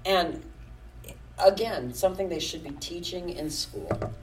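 A woman with a very low voice talking casually on a podcast, blunt and opinionated, and pressing her points hard. She sits a little back from the microphone, and faint noise hangs behind her. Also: unhurried. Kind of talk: casual chat. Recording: slightly distant mic with faint background noise.

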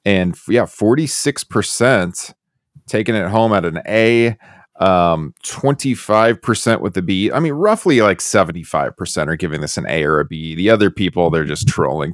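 This is a man hosting a casual podcast review chat, from the Chicago area. His voice sits low but moves animatedly, rising and falling as he talks. The sound is dry and close, with a self-deprecating, easygoing manner. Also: animated, normal speed, dry recording. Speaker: podcast host.

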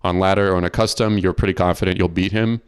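A man hosting a podcast, relaxed and curious, asking follow-up questions. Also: sits low, quick pace, clear, resonant tone, no echo, clean studio sound. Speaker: podcast host. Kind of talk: casual interview chat.

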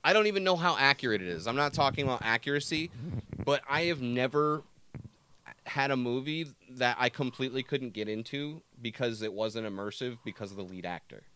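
A man's voice: mid-range voice, a little fast, slight background noise. A young adult man co-hosting a podcast in casual chat, swearing and ranting animatedly about films. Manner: profane, animated movie rants with put-on impressions. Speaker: podcast co-host.

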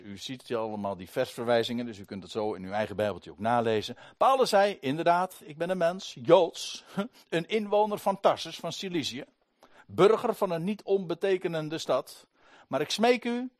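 A man's voice: medium pitch, no room sound, studio quality. A man giving a Bible study sermon to a congregation, retelling scripture emphatically with many restarts and asides. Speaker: Bible teacher.

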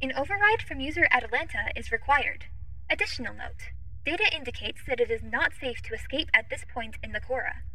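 Audio drama: too-smooth female android assistant played by a woman, high, bright and crisp, polite, literal and quietly curious. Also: a little fast, full character voice, rough recording. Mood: formal, informative. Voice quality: too smooth, even, formal android-like phrasing. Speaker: ship's AI assistant.

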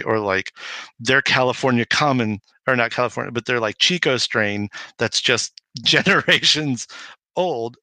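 On a recording with no echo, a man with a low-side, sharp-toned voice talks as a podcast guest; he makes homebrewing videos. He rambles casually through anecdotes, retelling stories and acting out snippets of dialogue.

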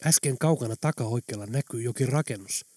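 A man voicing a serious, brave male captive who talks in a hushed, urgent way. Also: medium pitch, breathy edge, no room sound, close to an everyday voice.

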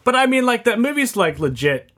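A man's voice: very high-pitched, very animated, fairly quick, crowd noise. A man in his forties in casual podcast chat, agreeable and chatty. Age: 40s.

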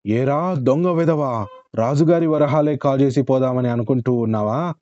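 A man's voice: mid-range voice, moderate pace, darkish tone, no echo, lo-fi sound, close to an everyday voice. A man voicing angry royal soldiers who scold and threaten a captured villager in a folk tale.

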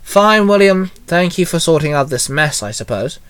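A man voicing a sharp-tongued, stern female cosmic being in a fan fiction reading. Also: a little high, expressive, moderate pace, clean tone, no room sound. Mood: grudging. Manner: stern, growling. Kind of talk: fan fiction read aloud.

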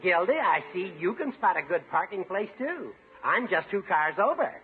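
A high-pitched, chirpy old judge. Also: male voice, sing-song, normal speed, soft background music. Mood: cheerfully needling. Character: spry, needling older male judge, sociable busybody. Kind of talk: 1950s radio sitcom acting. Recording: noisy, narrow-band 1950s radio broadcast.

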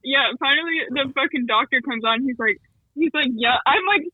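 A woman's voice: high-pitched, fairly quick, narrow, tinny audio. A woman calling in to a podcast, telling a story casually and with animation, swearing and acting out what other people said. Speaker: caller.

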